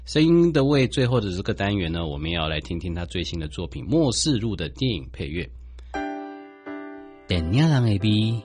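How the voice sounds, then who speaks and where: Male host, Taiwanese Mandarin accent: very low, husky voice for presenting and interviews. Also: big pitch swings, fast, few pauses, darkish tone, faint music behind.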